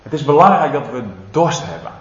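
A man delivers a sermon to his congregation, building up to loud, proclaiming passages and then dropping to quiet, personal asides. His voice sits somewhat high for a man. The recording carries a roomy church echo and sounds a bit dull and muffled. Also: animated, a little fast. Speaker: preacher. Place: church service.

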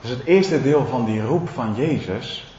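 A man preaching a sermon to a church congregation, swinging from loud proclaiming to low, intimate asides, and speaking to his listeners in a casual, direct way. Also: animated, unhurried, a little hiss or hum. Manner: emphatic, building to loud proclaiming, then dropping low and intimate. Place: church service. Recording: roomy, slightly dull hall sound.

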